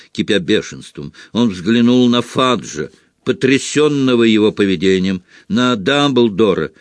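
A man narrating an audiobook with an expressive reading. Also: lowish voice, dry recording, clean studio sound. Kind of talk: scripted narration.

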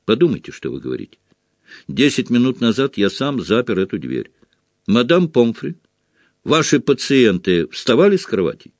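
A man voicing a serene, wise old male headmaster who speaks calmly and mildly. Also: mid-range voice, normal speed, no echo, studio quality. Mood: firm calm. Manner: calm, mild.

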